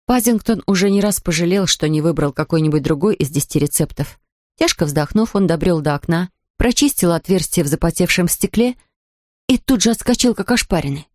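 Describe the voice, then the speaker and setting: A woman reading a children's storybook aloud in an expressive way, doing voices for the characters. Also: fairly low pitch, brisk, dry recording, clean studio sound. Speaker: narrator.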